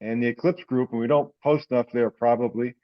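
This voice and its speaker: Here a man delivers a chatty, wandering, folksy report to a hobbyist group on an online call. He speaks fairly quickly in a steady, medium-pitched voice, and the sound has the flat, lo-fi quality of a conference line.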